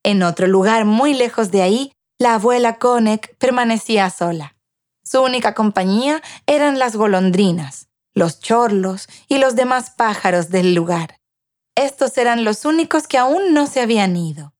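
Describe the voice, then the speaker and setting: A woman reading a children's tale aloud as storyteller, measured and clear. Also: a little high, lively intonation, darkish tone. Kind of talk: scripted narration of a children's tale.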